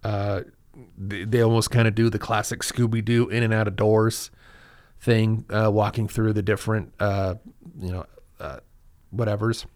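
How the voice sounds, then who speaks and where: A man's voice: on the low side, level tone, normal speed, darkish tone. Rambling man recapping a movie. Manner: rambling, many restarts and fillers, enthusiastic. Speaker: podcast host. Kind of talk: casual film recap.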